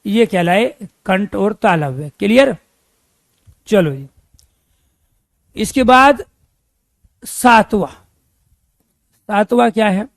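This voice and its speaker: In an exam-prep Hindi grammar lecture, a man drills his students with repeated questions and slowly stretches out the key terms. His voice is high, animated and creaky, with no room sound.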